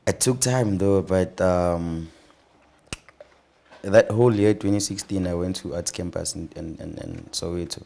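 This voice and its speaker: A young South African man in his twenties, an actor guest talking in a relaxed interview, who laughs often and repeats words. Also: deep voice, a little slow, gravelly. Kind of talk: casual interview chat.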